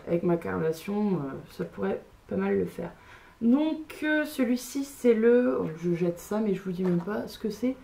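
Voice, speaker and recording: A woman's voice: mid-range voice, expressive, normal speed, creaky, warm tone, slight background noise. A woman beauty vlogger chatting casually through a makeup haul, hesitant and full of fillers.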